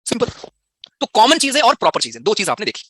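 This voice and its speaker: A young man with an Indian accent teaches English grammar in a live online class, mixing Hindi with English terms. He talks quickly in a high, bright voice. The sound is close and dry, with no room around it. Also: huge pitch swings, breathy edge, no echo. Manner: chatty, explains in Hindi with English terms, answers students' chat questions.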